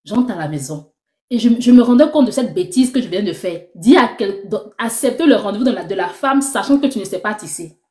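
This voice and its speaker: A young woman giving a lively personal faith testimony, acting out the conversations she tells. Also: mid-range voice, fairly quick. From Ivory Coast. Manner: animated storytelling, acting out dialogue. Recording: roomy echo.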